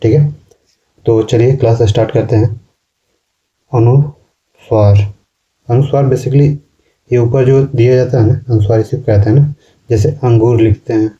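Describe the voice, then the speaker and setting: A man teaching a class in slow, repetitive explanations, often ending sentences with a questioning tag. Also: mid-range voice, steady tone, mellow, dull audio. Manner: explains slowly, repeats words and ends sentences with a questioning "ना". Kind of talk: classroom lecture.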